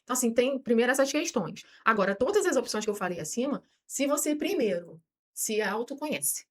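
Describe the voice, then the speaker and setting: A woman's voice: a little high, fairly quick. A woman with a Brazilian Portuguese accent, a podcast guest explaining her views at length and acting out what people tell themselves. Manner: lively, voices imagined people's thoughts. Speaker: guest on self-knowledge podcast.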